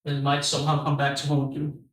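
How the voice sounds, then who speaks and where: A laid-back voice that wanders off track in casual stream chat. The sound comes through a remote call with a strong echoey room ring around every word. The pitch sits in an ordinary middle range. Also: monotone, a little fast.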